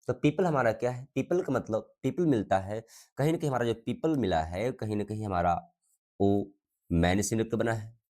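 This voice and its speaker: A man's voice: on the low side, warm tone. A man teaching a grammar lesson, asking the class questions and repeating the answers, coughing now and then.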